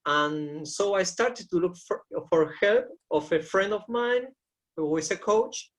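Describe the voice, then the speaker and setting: Pria Argentina berusia 40-an bersuara agak tinggi, tenang dan sungguh-sungguh sebagai pelatih. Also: male voice, sits high, measured pace. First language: Spanish. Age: 40s. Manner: earnest, repeats words while searching for phrasing. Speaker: shamanic coach. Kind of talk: interview answers.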